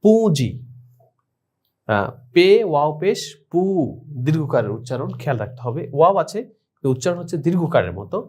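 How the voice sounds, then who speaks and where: A man's voice: a little high, animated, darkish tone. A man teaching an online language lesson, spelling out words letter by letter and explaining pronunciation to his students. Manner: spells out letters slowly, syllable by syllable; addresses students directly, explanatory.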